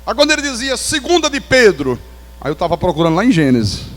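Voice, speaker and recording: A Brazilian man preaching as a pastor, telling his testimony in an animated storytelling way with touches of humor. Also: high-pitched, fast talker, in a large hall. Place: church sanctuary.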